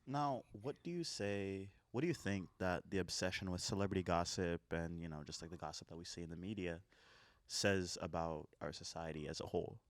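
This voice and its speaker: A man co-hosting a casual podcast chat, reflecting out loud and putting questions to the group. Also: low-pitched, a little fast, dry recording. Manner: reflective, poses discussion questions. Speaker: podcast co-host.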